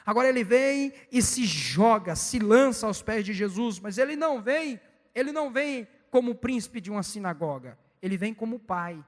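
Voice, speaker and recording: Brazilian evangelist guy, really high voice, fast fired-up preaching, long church echo. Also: lively intonation. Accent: Brazilian Portuguese. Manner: fast, emphatic preaching with sudden loud peaks. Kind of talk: sermon.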